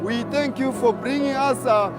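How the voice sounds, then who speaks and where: Man, high voice, fervent worshipper at a night gathering; loud music behind. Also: moderate pace. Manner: emphatic, repeats phrases while praying aloud. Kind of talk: fervent prayerful testimony. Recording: noisy crowd and loud music. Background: crowd and music.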